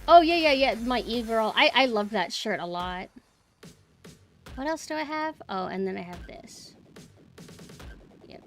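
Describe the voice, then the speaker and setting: A woman with a mid-range voice chats casually as a live streamer. Her talk rambles informally as she thinks out loud. Music plays behind her. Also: mid-range voice. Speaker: streamer, VTuber host. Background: background music.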